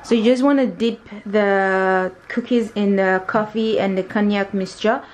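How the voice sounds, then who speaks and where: A woman's voice: mid-range voice, fairly even intonation, a little slow, darkish tone. Chatty young woman explaining a recipe. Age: young adult. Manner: explains each step to viewers in a chatty way. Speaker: vlogger and channel host. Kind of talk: casual cooking vlog explanation. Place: home kitchen, indoors. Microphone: camera on the table. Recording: roomy kitchen, distant mic, clattering dishes.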